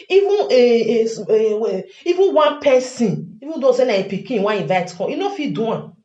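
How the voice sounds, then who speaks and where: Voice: medium pitch, darkish tone. Nigerian Pidgin speaker, dull echoey recording. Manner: emphatic, repeats phrases for stress. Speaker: online commentator addressing fellow Nigerians. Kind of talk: informal advice monologue. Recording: dull lo-fi sound, echoey room.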